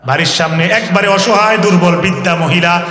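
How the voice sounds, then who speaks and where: A male preacher delivering a sermon. He chants verses melodically and swings between loud cries and low asides. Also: a little fast, roomy sound, long reverb tail, crowd noise. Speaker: Islamic preacher.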